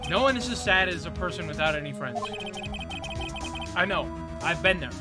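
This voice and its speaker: A performer acts out an earnest young man, a defense lawyer from a video game. The delivery is theatrical and very animated, determined but easily thrown. Music plays clearly behind the voice. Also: mid-range voice, normal speed, close to an everyday voice. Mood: brooding. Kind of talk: dramatic video game read-aloud with character voices.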